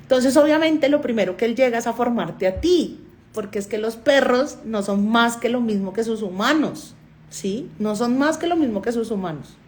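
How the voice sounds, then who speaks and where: High-voiced Colombian woman giving a talk. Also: expressive, normal speed, darkish tone. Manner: storytelling, often acting out dialogue. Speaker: doctor and therapist giving a talk. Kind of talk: motivational talk to a live online audience.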